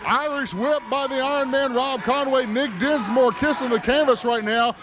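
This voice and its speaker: A man calling live pro wrestling play-by-play in an excited, exclamatory way. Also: extremely high pitch, normal speed. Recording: dull lo-fi broadcast, very noisy.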